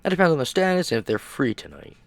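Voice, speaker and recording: A man voicing a composed, polite female animatronic dancer with a measured delivery. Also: fairly high pitch, huge pitch swings, gravelly, no echo, pitched above the performer's own voice, full character voice.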